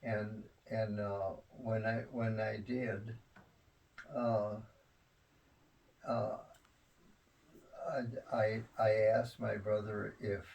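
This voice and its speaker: Rambling, slow, gravelly old grandpa telling stories. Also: male voice, lowish voice, flat delivery, a little mellow, recorded from a distance, rough recording. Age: 70s or older. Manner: rambling, halting grandpa storytelling with long pauses and repeated words. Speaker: grandfather telling family history. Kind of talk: unscripted reminiscing, family oral history.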